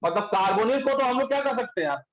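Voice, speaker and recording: A male chemistry teacher lecturing a class in speech, quizzing students and pushing them to answer quickly. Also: very high voice, expressive, fairly bright tone. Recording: echoey room, dull lo-fi sound.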